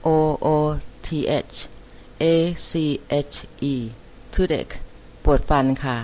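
Brief: woman English teacher, very slow, measured delivery, spells words aloud, faint background hum. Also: low-pitched, darkish tone. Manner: careful, deliberate enunciation with repeated words.

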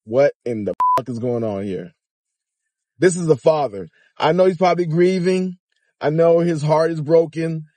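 A man's voice: a little high, moderate pace, darkish tone, dry recording. A middle-aged man giving informal commentary in a car, emphatic and challenging, with incredulous rhetorical questions. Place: inside a car.

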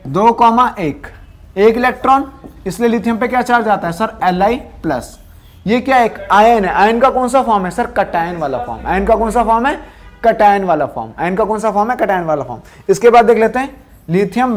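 In a classroom lesson, a male science teacher rattles off quiz questions and answers them on his own. He goes lower in pitch for the answers and repeats the key terms like a drill.

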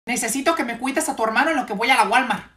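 A man's voice: very high-pitched, quick pace. A man with a Mexican accent voicing a short-tempered, cursing mother in a comedy sketch. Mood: scolding. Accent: Mexican Spanish. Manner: yelling, cursing, bossy.

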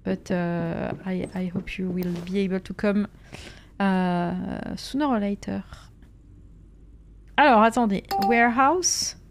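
A woman's voice: medium pitch, takes it slowly, vocal fry, slight background noise. A woman chatting during a live gameplay stream, reacting to viewers' messages and sometimes slipping into English with a French accent.

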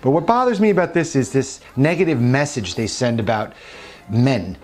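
A man's voice: mid-range voice, expressive, normal speed, slight background noise. A man with a New Jersey accent gives casual, opinionated commentary on store flyers, chatty with frequent restarts. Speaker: vlog host.

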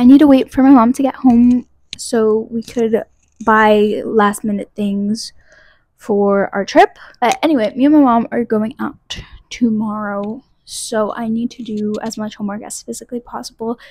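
A woman's voice: on the high side, darkish tone, rough recording. A young woman, a college student, chatting casually to a propped-up camera in her kitchen, rambling off on gossipy tangents. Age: young adult. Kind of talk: casual vlog chat to camera. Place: home kitchen, later a bedroom. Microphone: phone camera propped at arm's length, later a handheld mic.

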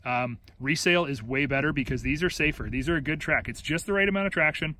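A man's voice: a little high, fast, pushed and bright. A man giving a casual, rambling walkaround review of a snowmobile outdoors, filming on a handheld phone, with many restarts and filler words. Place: outdoors on snow beside a snowmobile. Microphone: handheld phone camera. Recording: outdoor phone recording with engine noise.

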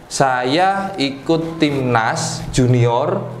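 A man, a PE teacher chatting as a guest in a relaxed, joking way. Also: medium pitch. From East Java, Indonesia. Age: 30s. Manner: relaxed and joking, with pauses to recall. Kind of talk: casual interview chat. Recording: roomy echo, faint ambient noise.

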